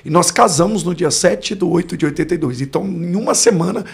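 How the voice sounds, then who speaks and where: In his forties, a Brazilian pastor recounts his life story during a podcast interview, reflective and often groping for words. His voice is high-pitched and creaky with a breathy edge, and he speaks fairly quickly in a Brazilian Portuguese accent.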